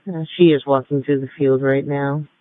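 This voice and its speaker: A man's voice: mid-range voice, fairly even intonation, moderate pace, no echo. A man giving brief, clipped calls over a police radio transmission. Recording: tinny narrowband scanner radio.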